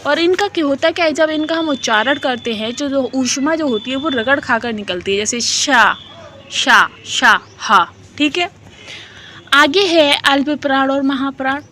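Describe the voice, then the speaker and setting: A woman's voice: high voice, moderate pace, fairly bright tone, slight background noise. A woman teacher giving an exam-prep lesson, asking her own questions and answering them, repeating syllables aloud to demonstrate sounds and mixing English words into her talk. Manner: mixes English words into Hindi.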